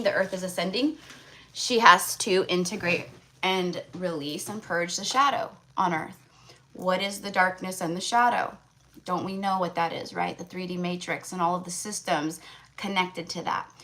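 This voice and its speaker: A woman's voice: lowish voice, pushed and bright. Woman giving a casual, rambling spiritual reading. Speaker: tarot reader, livestream host.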